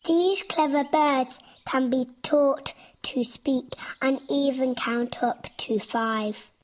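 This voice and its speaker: For a children's storybook animation, a woman voices a cheerful, trusting little girl in a fairy tale, speaking to young listeners in a friendly, simple, cheerfully instructive way. Her high voice is slow and steady, with music behind it and a slight hiss or hum.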